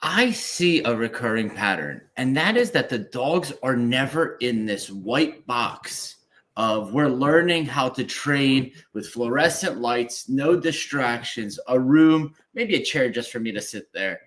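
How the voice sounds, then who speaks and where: Lively, rambling male podcast host. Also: mid-range voice, measured pace. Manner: animated, rambling with many fillers. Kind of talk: conversational podcast interview.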